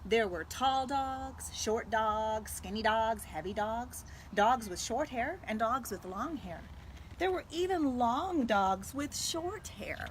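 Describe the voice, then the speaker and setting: An American school librarian reads a picture book aloud to young children at home, her fairly high voice slow, animated and expressive. It's storytelling for kids, captured on a noisy home video with background sounds.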